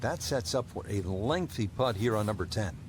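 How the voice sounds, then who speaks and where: A man working as a golf commentator in a video game, calling play in measured, short broadcast phrases. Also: on the low side, animated, a little hiss or hum, natural voice. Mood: measured, engaged. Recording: music behind the voice. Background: music.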